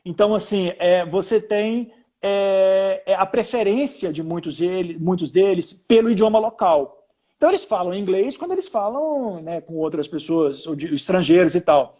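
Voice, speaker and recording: High-voiced Brazilian man telling stories. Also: animated, normal speed, dark tone. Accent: Brazilian Portuguese. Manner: storytelling, many restarts and fillers. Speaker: journalist guest. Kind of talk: casual interview chat.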